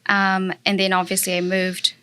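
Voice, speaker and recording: This woman from Brazil speaks English with a Brazilian Portuguese accent. Her voice is bright and clear at a middle pitch. She chats earnestly in an interview, with lots of fillers. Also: completely flat delivery, normal speed, slight background noise. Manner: earnest, with many fillers and frequent laughs. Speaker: guest, property investor. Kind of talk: casual interview chat.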